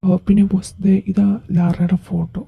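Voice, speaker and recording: A woman's voice: fairly low pitch, level tone, moderate pace, creaky, slightly rough, full character voice. A woman voicing a dutiful male henchman reporting to his boss in an amateur audio drama, rambling and deferential. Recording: dull lo-fi recording.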